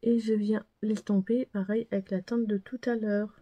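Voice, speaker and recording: A woman's voice: mid-range voice, flat delivery, normal speed, warm tone, no room sound. A woman vlogger chatting casually through a makeup tutorial, self-deprecating and full of fillers and repeated words. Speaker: beauty vlogger.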